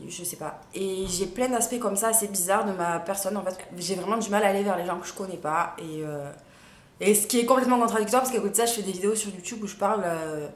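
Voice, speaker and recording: Young female vlogger, casual and chatty, mid pitch, recorded in a reverberant room. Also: fast talker. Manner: chatty, many fillers and hesitations. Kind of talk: casual chat to camera. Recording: echoey room.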